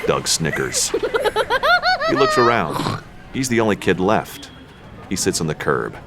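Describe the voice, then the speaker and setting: A man reading the stage directions in a table read, dry and unhurried. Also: low voice, wildly swooping pitch, heavy background noise.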